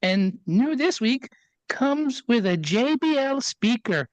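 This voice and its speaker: A woman's voice: fairly high pitch, big pitch swings, slow pace, no echo, low-quality recording. A woman voicing a chirpy female menu presenter, doing a put-on Canadian-British accent with Scottish touches and upbeat announcer patter. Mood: cheery.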